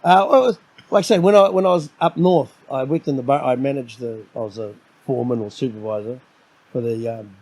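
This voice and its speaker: A middle-aged New Zealand man chats casually as a podcast guest, his loud, domineering voice rambling and repeating words as each sentence gets going. His pitch sits in the middle and he talks fairly quickly.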